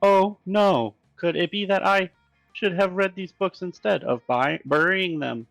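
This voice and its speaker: A man's voice: sits high, a little slow, gravelly, a bit bright, dry recording, faint music behind, pitched above the performer's own voice, exaggerated voice, low-quality recording. A man voicing a polite, anxious male robot with stiff, formal diction in a voice-acted game playthrough. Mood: fretful.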